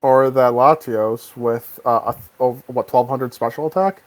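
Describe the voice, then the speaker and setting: A man hosts a relaxed podcast over voice chat and keeps stumbling and restarting mid-sentence. His voice sits at an ordinary middle pitch for a man, recorded close and dry with no room sound. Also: normal speed, dry recording, low-quality recording. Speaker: podcast host. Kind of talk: casual chat. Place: home, on voice chat. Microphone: desk mic over voice chat.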